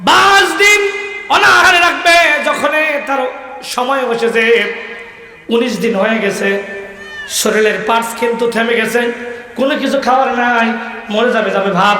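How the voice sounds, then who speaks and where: High, shouting, chanting male preacher. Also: a little slow, pauses often, heavy reverb, big-room sound. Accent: northern Bangladeshi Bengali. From Bangladesh. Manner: chanting, melodic delivery with call-and-response to crowd. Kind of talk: sung, shouted Islamic sermon.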